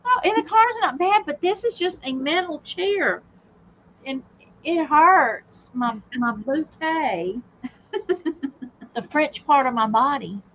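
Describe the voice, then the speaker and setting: A woman's voice: high-pitched, expressive, takes it slowly, fairly bright tone. A middle-aged woman co-hosting a casual livestream chat, joking and giggling as she talks. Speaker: co-host. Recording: dull lo-fi stream audio with faint hiss.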